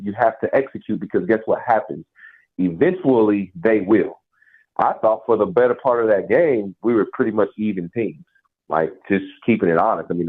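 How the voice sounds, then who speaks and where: A man phones in to a sports talk radio show, his lowish voice squeezed into a thin, tinny phone line. He talks casually and with emphasis, a frustrated fan venting about the game. Every word comes through the narrow band of a call-in line. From Nashville area, US South. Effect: caller heard over a phone line.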